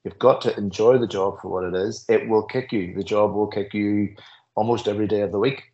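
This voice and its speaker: A man's voice: lowish voice, steady tone, a little fast, warm tone, highs cut off. A middle-aged Northern Irish man, a school principal, speaking earnestly and telling anecdotes in an interview, often restarting his phrases. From Northern Ireland. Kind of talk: reflective interview conversation.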